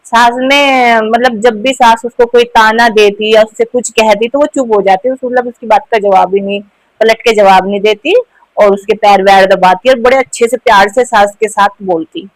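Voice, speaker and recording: A woman's voice: fairly high pitch, steady tone, moderate pace, dry recording, low-quality recording. A woman casually telling a moral family story, chatty, with fillers and restarts.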